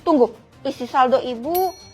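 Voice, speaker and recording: A woman voicing an excitable, dramatic teenage schoolgirl heroine in a cartoon story. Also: sits high, moderate pace, soft background music. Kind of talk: cartoon voice acting.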